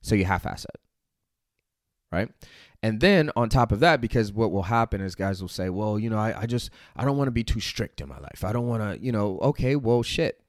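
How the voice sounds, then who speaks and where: A man's voice: lowish voice, a little mellow, no echo, clean studio sound. A man giving a fired-up motivational talk about fitness, peppering it with "like" and "right?" and casual swearing. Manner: intense, swears casually, many "like" and "right?" fillers. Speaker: fitness company owner.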